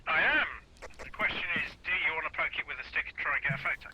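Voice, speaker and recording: A man playing a ghost-hunting game with a friend, reacting in an animated way and reading the rules aloud. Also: on the high side, quick pace, heavy background noise. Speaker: co-player. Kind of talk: casual gameplay chat.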